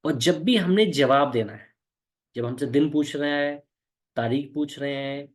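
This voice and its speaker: A middle-aged man teaching a spoken English lesson, explaining through everyday stories and repeating words slowly. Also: a little high.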